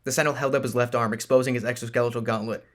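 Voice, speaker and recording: A man reads a science-fantasy novel aloud as the narrator, in a steady, plain voice at a middle pitch. His delivery is even and unhurried, like an audiobook chapter.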